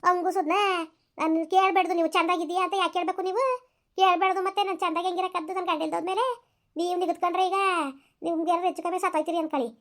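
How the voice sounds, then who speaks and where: A woman's voice: very high-pitched, flat delivery, very fast. A woman voicing a bitter, taunting widowed village mother-in-law with a rural Karnataka Kannada accent, in a village family drama. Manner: taunting, complaining.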